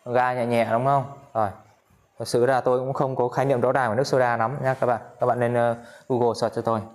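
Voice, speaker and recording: A man's voice: mid-range voice, flat delivery, fast. A man teaching English vocabulary in a casual lesson, repeating each word several times and chatting with viewers between words.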